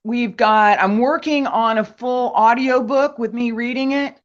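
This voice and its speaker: A woman, a guest author and martial arts teacher, chatting in an interview in a slow, measured way and laughing easily. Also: on the high side. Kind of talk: casual interview chat. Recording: dull lo-fi sound.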